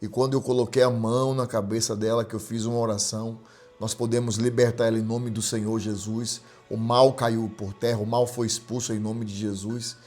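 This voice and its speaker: A man's voice: mid-range voice, flat delivery, a little fast, a little mellow, soft background music. Brazilian-Portuguese-speaking male pastor preaching. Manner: repetitive, emphatic preaching with rising intensity. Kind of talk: sermon with storytelling.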